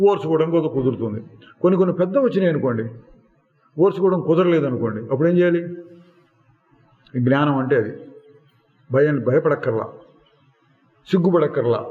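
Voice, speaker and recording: A man giving a slow, deliberate spiritual discourse, asking rhetorical questions and singing lines of verse now and then. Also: on the high side. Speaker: spiritual teacher. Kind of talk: satsang discourse. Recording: echoey hall, phone-like lo-fi sound.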